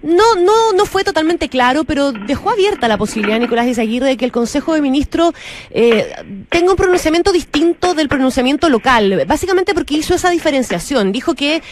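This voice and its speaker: Chilean woman radio interviewer, inquisitive, higher-pitched, slight background hiss. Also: expressive, brisk. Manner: probing, restarts questions. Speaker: radio host.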